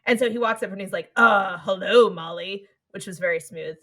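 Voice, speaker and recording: A woman's voice: mid-range voice, quick pace, fairly bright tone. A woman in her thirties co-hosting a podcast in casual chat, playful and acting out quoted lines. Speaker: podcast co-host.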